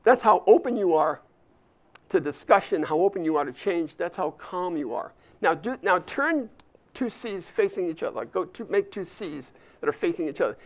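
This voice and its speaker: A man's voice: high-pitched, animated, moderate pace. An older man giving a chatty leadership talk to a live audience, walking them through a hands-on exercise. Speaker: speaker at an alumni volunteer summit. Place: university event space with a live audience.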